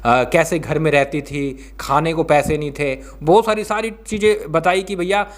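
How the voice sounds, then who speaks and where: A man casually recapping a reality show for viewers, acting out the quoted lines and filling pauses with small fillers. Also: fairly high pitch. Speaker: reality show update vlogger.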